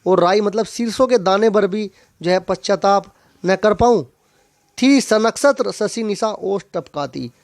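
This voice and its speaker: A male teacher explaining a Hindi poem line by line, reciting verses and then repeating key phrases to make them clear. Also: high-pitched, dry recording, clean studio sound. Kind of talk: poetry lesson explanation.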